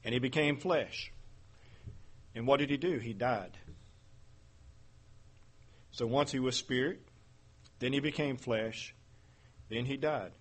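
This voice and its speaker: Male preacher, husky voice, measured Bible teaching with rhetorical questions. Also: medium pitch.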